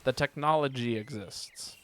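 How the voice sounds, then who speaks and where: Guy streaming a game, normal pitch, just rambling out loud to chat, some noise behind him. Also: a little slow. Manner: rambling, thinking aloud. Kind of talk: casual live gaming commentary. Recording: clear background noise.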